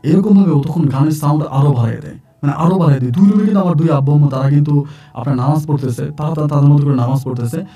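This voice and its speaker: A man's voice: a little high, racing, dark tone, distant mic. A man from Sylhet, telling his own true-life story in an earnest, rambling way full of fillers and repeats. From Sylhet, Bangladesh.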